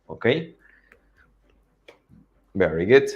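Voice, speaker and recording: A man teaching English to children in an online class, often checking they follow and drilling pronunciation slowly. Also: low voice, lively intonation, muffled recording. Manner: teacherly, asks for agreement after each point.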